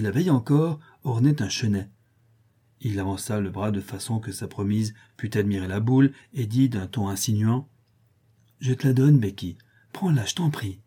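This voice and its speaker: A man reading a novel aloud in a measured, steady audiobook narration. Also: mid-range voice, slightly rough.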